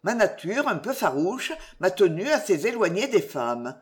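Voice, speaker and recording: A woman voicing an earnest young man in love in an audiobook, speaking gravely and tenderly. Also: mid-range voice, big pitch swings, normal speed, lightly acted. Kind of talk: audiobook character reading.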